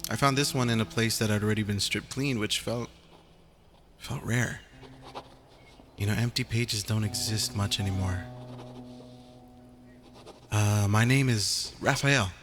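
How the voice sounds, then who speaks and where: A man's voice: fairly low pitch, measured pace, long pauses, over music, close to an everyday voice. A man playing a weary, wry young survivor in a first-person audio journal drama, hesitant, confiding and informal. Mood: hesitant, reflective. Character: young Filipino male zombie survivor, weary, wry, self-deprecating.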